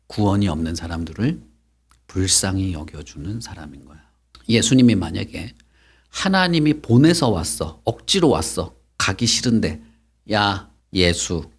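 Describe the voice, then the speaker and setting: A middle-aged man preaching to children at Sunday school, telling the story with lively questions and acted-out lines. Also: low-pitched, husky. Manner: animated, acts out quotes, asks children questions. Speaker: pastor teaching Sunday school.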